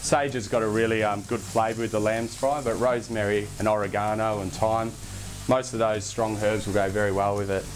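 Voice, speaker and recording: A young man hosting a casual cooking demonstration in a home kitchen, relaxed and chatty, with self-deprecating asides. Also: lowish voice, fairly quick. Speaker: cooking show host. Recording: background music under the voice. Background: music and pan sizzling.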